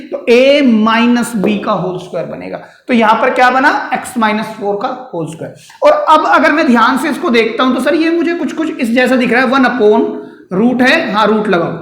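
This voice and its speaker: A man's voice: very high voice, fairly bright tone. A man teaching a maths lesson at a board, explaining step by step and putting questions to his students, then answering them himself. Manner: calls students "beta" and "sir". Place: classroom with a board. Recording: echoey room.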